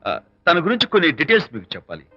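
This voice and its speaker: A breezy, playful film hero who slips English phrases into his lines. His pitch rises and falls with energy. It is set in a muffled old film soundtrack with a music score behind it. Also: huge pitch swings, rapid-fire. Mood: cheerful. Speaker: film lead. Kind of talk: 1980s-90s Telugu film dialogue.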